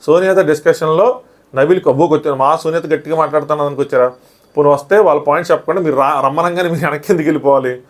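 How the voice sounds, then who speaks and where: A man's voice: on the high side, steady tone. A man reviewing a reality show episode in casual, argumentative talk, often acting out what others said. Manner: rapid, argumentative, often acts out quoted lines.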